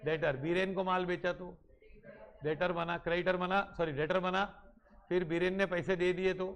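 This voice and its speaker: A man teaches a class, his voice sitting a little high for a man. He speaks slowly and deliberately, drawing out each rule as if dictating it. He switches between two languages and jokes with his students. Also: vocal fry, highs cut off. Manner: switches between Hindi and English, dictates rules slowly word by word; lively and teasing with students, pitch rises and falls a lot. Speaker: commerce teacher. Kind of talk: classroom lecture.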